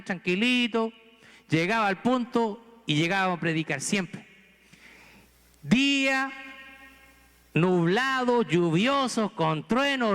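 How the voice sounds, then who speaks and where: A man's voice: high voice, fairly bright tone, clean tone, in a large hall. A man from Chile, a pastor with a Chilean accent, preaching a sermon earnestly and pressing the congregation with rhetorical questions. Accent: Chilean Spanish. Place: church sanctuary.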